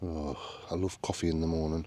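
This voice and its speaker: A man's voice: a bass voice, flat delivery, brisk, dark tone, no room sound. A man with a Northern English accent chatting casually to camera as a solo camper, musing aloud in a down-to-earth, understated way. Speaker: solo camping vlogger. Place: inside a small tent outdoors.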